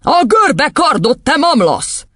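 A man's voice: very high voice, sing-song, bright, forceful tone, no echo, clean studio sound, pitched above the performer's own voice, full character voice. A man voicing a furious, tyrannical female headmistress in an audiobook, screaming and scornful. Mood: harsh. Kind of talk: audiobook character voice.

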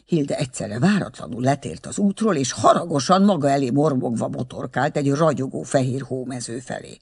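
A man narrating an audiobook with expressive storytelling. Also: medium pitch, creaky, slightly rough.

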